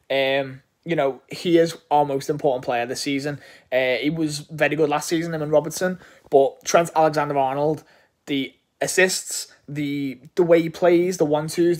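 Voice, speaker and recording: Male football fan from England, excitable and rambling, slightly high voice, casual match reaction. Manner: enthusiastic, rambling, frequent swearing and restarts.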